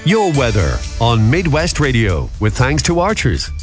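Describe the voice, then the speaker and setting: A man's voice: medium pitch, wildly swooping pitch, a little slow, faint music behind. An Irish man reading a scripted radio sponsorship message as an announcer.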